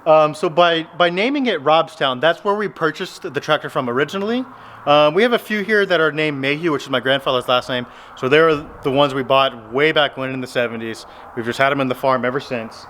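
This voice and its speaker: Slight background noise accompanies this thirty-something Texas farmer as he talks casually to his phone camera in a big open metal barn. His easygoing, rambling explanations come in a slightly high, fairly bright voice at a fairly quick clip, recorded on a handheld phone at arm's length.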